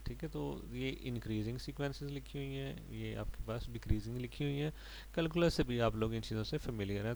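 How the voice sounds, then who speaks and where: A man's voice: medium pitch, a little hiss or hum, poor audio. Man giving a patient maths lecture. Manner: explains step by step, mixing English terms and often adding "ठीक है जी".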